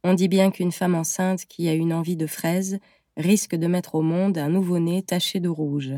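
A woman narrates an audiobook in a low, mellow voice, measured and gentle. The recording is dry and close, with no room sound. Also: fairly even intonation, no room sound.

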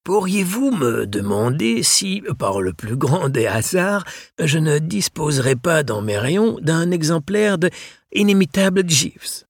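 A refined old English bookseller, as a male narrator puts him on, speaking French with an English accent. The voice sits well above the reader's own, husky at the edges and dry, with every phrase measured and formal. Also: a little high, sing-song, dry recording, voice pushed up, full character voice. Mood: courteous, genteel. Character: elderly courteous English bookseller man.

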